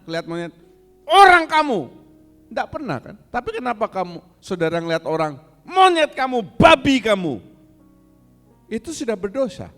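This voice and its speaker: A man's voice: high-pitched, big-room sound. A man preaching a sermon as pastor, asking the congregation questions and acting out angry insults in a raised voice. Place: church hall.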